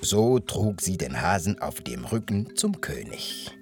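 A male storyteller reading a fairy tale aloud, very slow and deliberate. His lowish voice rises and falls expressively. Faint music plays behind him. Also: big pitch swings.

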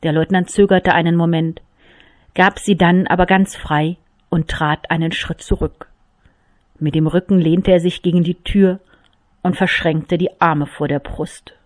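A woman reading a novel aloud, in measured, expressive storytelling. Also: on the low side, no room sound, studio quality. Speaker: audiobook reader.

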